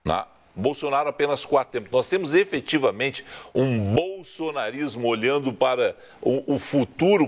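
A man interviewing a guest on politics, asking long, conversational, winding questions. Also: mid-range voice.

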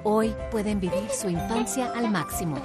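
A woman's voice: mid-range voice, moderate pace. Earnest female ad narrator over music. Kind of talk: scripted charity ad narration. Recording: loud music bed.

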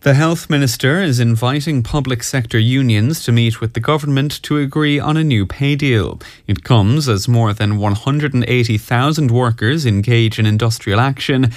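A man's voice: mid-range voice, normal speed, hardly any pauses, dry recording. An Irish man reading a scripted radio bulletin as a newsreader. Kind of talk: scripted news, weather and sport bulletin.

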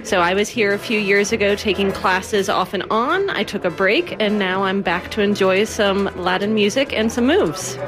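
A woman from Florida introduces herself at a dance class in a friendly, self-deprecating way. Her voice is mid-pitched. Clear music plays underneath her. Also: moderate pace, hardly any pauses.

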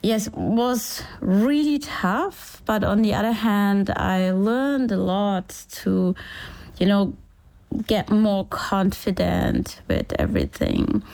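A woman in her forties, born in Sri Lanka, talking through her life story in a relaxed interview, acting out past conversations and laughing easily. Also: medium pitch, slow pace, creaky. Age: 40s. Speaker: engineer and startup founder.

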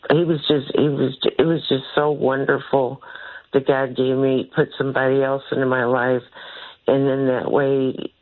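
A woman from St. Louis, calling in over a phone line, talking in a halting, rambling way that trails off mid-sentence. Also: rumbling low, little pitch movement. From St. Louis, Missouri. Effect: heard over a phone line. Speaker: caller. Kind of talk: call-in radio talk.

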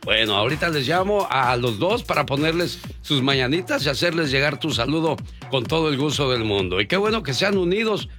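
A man's voice: fairly high pitch, expressive, fairly quick, few pauses, pushed and bright. A man hosting a morning radio call-in show, chatting with callers and telling folksy stories. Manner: folksy storytelling, playful. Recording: radio broadcast with music bed.

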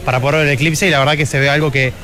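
A man from Argentina answers a street interview quickly. His voice sits fairly high, and his remarks come out hesitant but enthusiastic. He talks like a passer-by stopped outdoors. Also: level tone, sharp tone.

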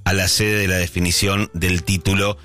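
Faint music plays behind a middle-aged radio host whose low voice is level and sharp in tone at normal speed. With a Rioplatense Spanish accent, he chats casually on an early-morning show, thinking aloud with many fillers and restarts.

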